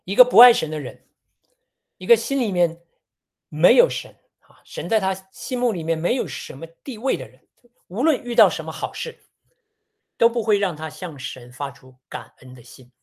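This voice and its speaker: Measured preacher asking rhetorical questions. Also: mid-range voice, animated, a little mellow, slightly rough. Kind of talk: sermon on a Bible passage.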